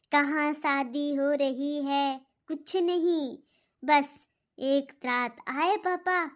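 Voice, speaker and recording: A woman doing a preachy old grandmother. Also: sits high. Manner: slow, lecturing, reminiscing. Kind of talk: cartoon voice acting.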